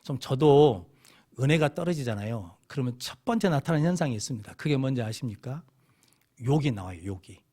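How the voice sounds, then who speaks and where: Expressive and warm, this middle-aged man's medium-pitched voice moves fairly quickly. He is a Jeolla-accented pastor preaching in a church sanctuary, weaving in stories and repeatedly questioning the congregation.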